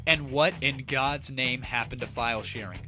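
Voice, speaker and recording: Over background music, a man hosting an online gaming comedy show delivers a scripted rant that is crude, sarcastic, and theatrically mock-grandiose. His voice is mid-range at a moderate pace.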